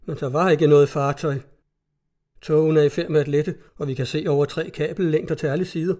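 A man's voice: a little high, steady tone, darkish tone, natural voice. A man voicing a frightened male sailor who answers timidly with a trembling voice, in a read-aloud story. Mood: terrified.

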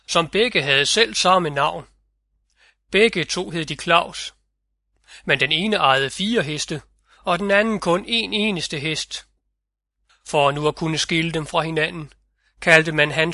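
Guy reading a fairy tale audiobook, slow measured storytelling, bit high voice, dry close sound. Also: pushed and bright, no room sound. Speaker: audiobook narrator. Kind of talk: scripted fairy tale narration.

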